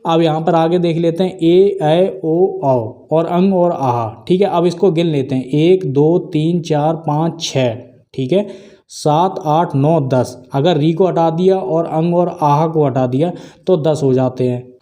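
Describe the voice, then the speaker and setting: A man's voice: a little high, measured pace, dark tone. A man teaching an exam-prep grammar lesson, who keeps saying "theek hai" and asks and answers his own questions. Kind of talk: video lesson explaining grammar.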